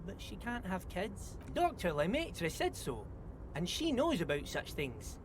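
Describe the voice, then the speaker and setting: A kindly, simple-minded old dockside handyman rambles eagerly in folksy grammar. His voice swoops up and down a lot. A clear hiss of noise sits under the game audio. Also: high voice, huge pitch swings, unhurried, exaggerated voice. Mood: fond. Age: older. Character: kindly simple older male dock handyman. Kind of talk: video game voice acting.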